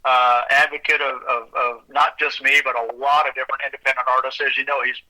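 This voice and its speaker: Bright-voiced humble songwriter man. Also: mid-range voice, flat delivery, a little fast, rough recording. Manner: earnest, humble, chatty. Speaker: songwriter guest. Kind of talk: casual interview chat.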